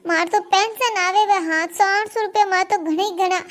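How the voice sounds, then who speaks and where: A woman's voice: extremely high pitch, fairly even intonation, moderate pace, fairly bright tone. A woman voicing a grumbling older grandmother in a cartoon comedy, speaking with a Marwari accent and complaining and scolding. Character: grumbling old grandmother with four sons. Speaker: cartoon character.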